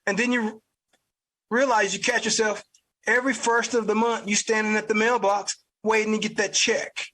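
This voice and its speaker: A man's voice: sits high, level tone, normal speed, sharp tone. A man with a Southern US accent hosting an opinion podcast, talking in a blunt, profane, ranting way. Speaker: podcast host. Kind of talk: opinion commentary.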